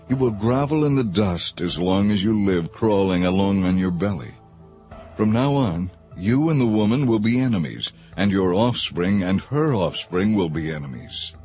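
A man's voice: low-pitched, a little mellow, lightly acted. A man doing a grave, stern God. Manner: grave, solemn pronouncements. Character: stern almighty male God passing judgment. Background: background music.

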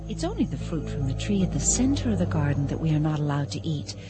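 A woman playing the first woman in a dramatized scripture reading, speaking quickly and earnestly. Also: sits low, sing-song. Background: background music.

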